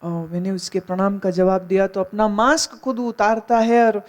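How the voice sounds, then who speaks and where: A woman's voice: medium pitch, level tone, normal speed, a little mellow. A woman spiritual teacher giving a sermon, telling stories in a conversational way and mixing in English phrases. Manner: storytelling, mixes in English phrases.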